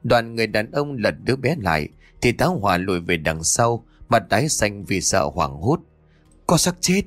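Man, narrator, scripted horror storytelling, low voice, animated pitch, dry recording. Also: normal speed, no echo, soft background music. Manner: dramatic storyteller, voices every character.

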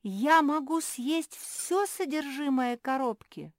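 A sweet-toothed pug girl who squeals with eagerness, her voice high and drawn out, as a woman reads her part. She sounds greedy and breathless. The recording is dry and close. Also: slow, no echo. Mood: excited greedy.

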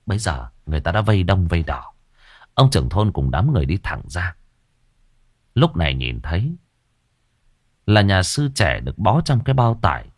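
A man narrating a ghost story in a low voice that swings widely for suspense and drama. The recording is dry and close, with no room sound around him. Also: a little mellow, no room sound.

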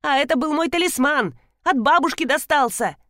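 A woman's voice: normal speed, fairly bright tone, dry recording, studio quality. A woman reading an audiobook, voicing a stout, spiteful female worker who shrieks insults. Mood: shrieking anger. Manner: shrill, shrieking.

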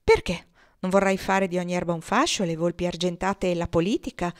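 A woman reading the lines of a sharp, dismissive woman in an audiobook. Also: on the low side, brisk, close to an everyday voice. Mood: tart. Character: elegant, quick-tempered woman.

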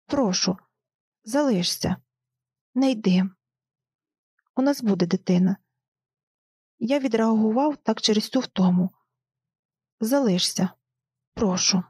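A woman's voice: mid-range voice, a little slow, long pauses, darkish tone, breathy edge, no room sound, clean studio sound. A woman reading the lines of an overworked husband in an audiobook, with a rising, pleading delivery.

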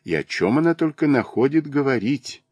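A man's voice: mid-range voice, expressive, normal speed, darkish tone, dry recording, voice pushed up, close to an everyday voice. A male audiobook reader voicing a young peasant woman who is devoted and jealous, speaking with reproachful, emotional pleading.

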